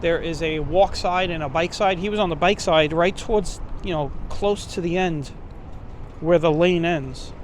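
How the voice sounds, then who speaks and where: A man's voice: fairly high pitch, normal speed. A man with a Brooklyn accent giving chatty, informal commentary as he hosts a walking tour. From Brooklyn, New York. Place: outdoors on city streets, walking. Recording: street noise, traffic and vehicles. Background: street ambience and vehicles.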